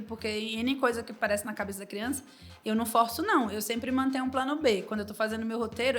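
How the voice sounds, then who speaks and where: Brazilian woman w a high voice, chatty wedding planner stories, faint music behind. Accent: Brazilian Portuguese. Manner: animated storytelling, acts out quoted dialogue. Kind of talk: casual interview anecdotes.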